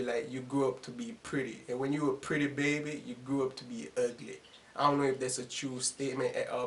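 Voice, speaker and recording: This twenty-one-year-old YouTuber who makes reaction videos talks in a casual, rambling monologue full of slang, profanity and self-deprecation, laughing often. His pitch sits in the middle, and there's slight background noise.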